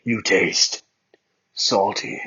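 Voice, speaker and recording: A man's voice: low-pitched, fairly even intonation, drawn-out words, sharp tone, slightly rough, muffled recording, heavily acted. A man playing cocky Bakugo, smug and teasing. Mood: soft. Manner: smug, mock-seductive.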